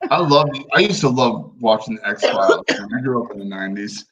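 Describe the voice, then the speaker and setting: A man's voice: lowish voice, animated, a little fast, a bit bright, slight background noise, poor audio. A man of about forty co-hosting a podcast over a video call, laid-back, swearing and laughing freely. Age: 40s. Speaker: podcast co-host. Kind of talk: casual chat on a video call.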